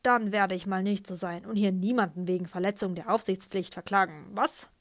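A woman voicing a big, brash father with a loud, booming, hearty way of talking, in an audiobook. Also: steady tone, fairly quick, close to an everyday voice. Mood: hearty, gloating.

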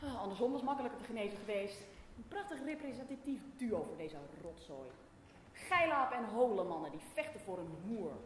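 A woman's voice: on the high side, animated, a little fast, close to an everyday voice. A teenage girl in a school play voicing a cynical, foul-mouthed male Greek jester who spits mocking insults and curses. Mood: scornful. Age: late teens. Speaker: student actor. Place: school auditorium stage. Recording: echoey hall from far off, noisy.

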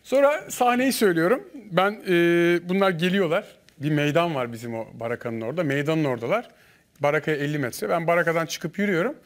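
A man guest on a studio panel, telling a lively story and acting out the dialogue. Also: fairly high pitch, fast. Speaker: guest, former contestant.

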